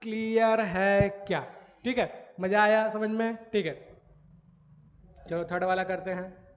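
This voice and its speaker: A man's voice: sits high, steady tone, measured pace. A man teaching maths in a recorded lecture, explaining step by step, asking questions and answering them himself, and often checking whether students follow. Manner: frequent checks for understanding. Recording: dull lo-fi audio in a reverberant room.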